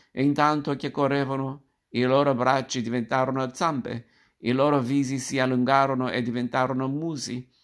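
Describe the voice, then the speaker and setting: Man reading a fairy tale aloud. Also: medium pitch. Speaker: narrator.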